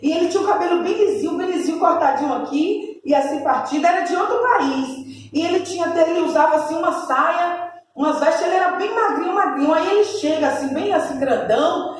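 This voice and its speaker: A woman's voice: extremely high pitch, a little fast. A woman preacher telling a dream as a testimony in a fervent storytelling sermon. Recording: echoey room, distant mic, faint noise.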